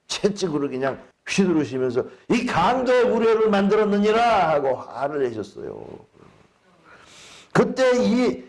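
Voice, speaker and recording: A man's voice: a little high, darkish tone. A male pastor preaching a sermon in an emphatic way, asking the congregation rhetorical questions.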